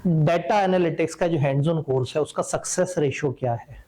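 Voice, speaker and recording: A man's voice: on the high side, brisk, mellow, slight background noise. A man lecturing accountancy students in a conversational, wry and opinionated way. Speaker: teacher.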